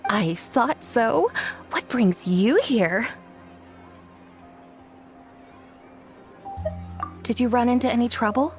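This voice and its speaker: A woman's voice: fairly high pitch, animated, unhurried, faint music behind. A woman playing a friendly, polite clothing shop owner in a video game, speaking expressively. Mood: welcoming. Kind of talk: video game character acting.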